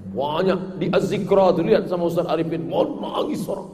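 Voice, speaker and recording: A man preaching a sermon with humor, chanting verses and then explaining them, rising to shouted emphasis. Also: sits high, fairly quick. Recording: echoey hall, faint noise.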